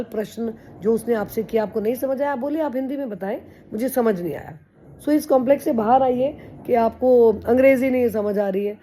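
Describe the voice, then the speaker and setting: A woman's voice: fairly high pitch, warm tone, a little hiss or hum. A woman talking straight to her viewers in an earnest, chatty way, mixing English phrases into her speech as she gives encouraging advice. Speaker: vlogger. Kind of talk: casual motivational talk to camera.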